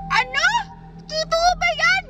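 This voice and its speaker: A woman voicing a bratty, fussy little girl who talks in a whiny, demanding, excitable way. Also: very high-pitched, distant mic, heavily acted. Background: music.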